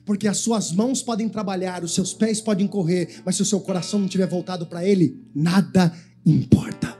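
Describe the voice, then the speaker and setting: A man's voice: sits high, fairly even intonation, fairly quick, dark tone, faint music behind. A man preaching a sermon as pastor, giving the congregation commands to repeat after him. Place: church.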